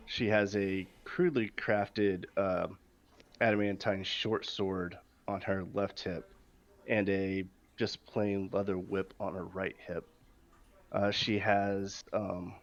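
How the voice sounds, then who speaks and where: A man in a tabletop role-playing game, describing a character in an unhurried way with fillers. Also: fairly low pitch, dull audio. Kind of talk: tabletop role-play session.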